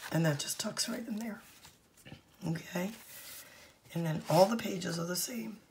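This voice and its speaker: A woman speaks low and very hoarse, her croaky, gravelly voice often giving out into a whisper. She explains a handmade craft project in a casual, informal way as a channel host, with some noise in the recording. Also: measured pace, darkish tone. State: hoarse, voice nearly lost.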